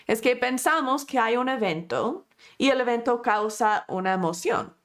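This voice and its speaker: A woman, teaching a class on emotions in an expressive way, often correcting herself mid-sentence. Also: mid-range voice. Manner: expressive, acts out quotes, frequent self-corrections. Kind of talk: lesson.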